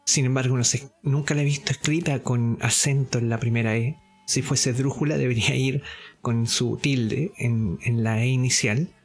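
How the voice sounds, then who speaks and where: A man giving a spoken lesson, explaining step by step, often pausing on fillers, repeating himself and checking that listeners follow. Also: medium pitch, fairly even intonation, faint music behind. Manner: deliberate, explaining step by step with frequent checks for understanding; hesitant fillers and self-repeats. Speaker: course teacher.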